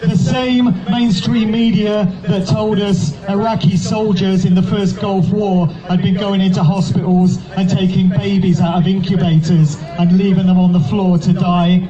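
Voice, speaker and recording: A man's voice: high-pitched, level tone, a little slow, warm tone. A man from Oxford, giving an impassioned outdoor protest speech through a megaphone, full of rhetorical questions. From England, Oxford. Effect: speaking through a megaphone. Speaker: protest speaker. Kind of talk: rally speech. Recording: distant, muffled rally recording with crowd. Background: crowd and street noise.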